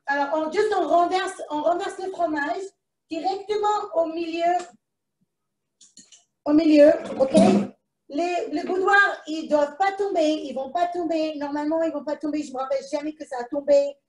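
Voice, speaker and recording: A woman's voice: extremely high pitch, steady tone, moderate pace, darkish tone, roomy sound, distant mic. A woman with a foreign accent in French presents a live cooking demonstration from a kitchen, chatting to herself as she works. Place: kitchen, indoors.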